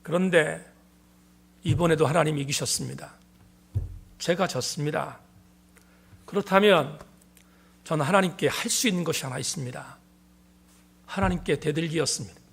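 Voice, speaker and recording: Gravelly-voiced pastor preaching earnestly. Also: male voice, fairly high pitch, fairly bright tone. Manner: earnest, emphatic testimony. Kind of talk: sermon.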